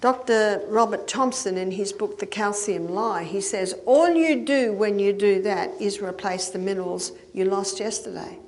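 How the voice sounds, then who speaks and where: A woman's voice: medium pitch, moderate pace, hardly any pauses. Older woman giving a health lecture. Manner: explanatory, with occasional laughs and checking questions. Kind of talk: lecture with audience questions.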